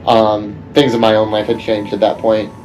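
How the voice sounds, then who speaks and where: A man's voice: lowish voice, completely flat delivery, moderate pace, a little mellow, slight background noise. A young man giving a loose, hesitant interview answer.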